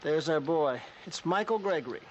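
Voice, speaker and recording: Man acting a wry, higher-voiced TV detective, noisy soundtrack. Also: animated, moderate pace, muffled recording, natural voice. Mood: matter-of-fact. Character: brisk, wry male police detective. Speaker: police detective. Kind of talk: naturalistic 1970s TV crime drama acting.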